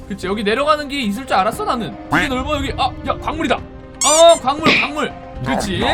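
A gaming creator giving let's-play commentary, excitable, yelping and shouting when startled and talking straight to viewers. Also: sits high.

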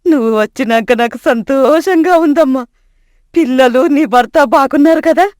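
Woman doing a storybook old grandmother, high-pitched, pleading, homesick, dry recording. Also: moderate pace, a little mellow, no echo, natural voice. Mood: weary. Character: poor old village grandmother, homesick and gentle. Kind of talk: storybook voice acting.

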